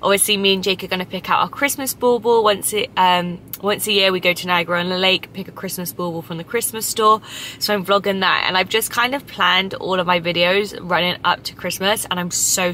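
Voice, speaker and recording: A chatty young woman, talking to camera from the driver's seat of her car. Her voice is bright and forward, sitting a little low in pitch. She rambles cheerfully with fillers, and a faint hum of ambient noise sits behind her. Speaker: vlogger. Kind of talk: casual chatty vlog. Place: inside a parked car. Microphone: camera on the dashboard or held in hand.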